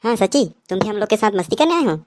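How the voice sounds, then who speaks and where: A woman's voice: mid-range voice, animated, rapid-fire, darkish tone, natural voice. A woman voicing frightened, squabbling kids in a cartoon. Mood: coaxing. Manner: panicky, squabbling. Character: jittery cartoon kids on a night camp. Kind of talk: cartoon dubbing.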